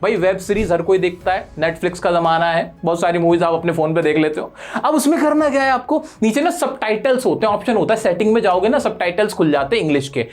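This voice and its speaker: A man's voice: sits high, lively intonation, fast talker. A man teaching a spoken language lesson, asking the viewer questions and answering them himself in an encouraging tone. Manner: encouraging, direct address to learners. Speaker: English teacher.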